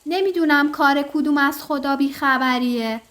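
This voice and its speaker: A woman's voice: high voice, fairly bright tone. A woman reading the part of a superstitious, bossy older mother-in-law in an audio story, scolding and lecturing.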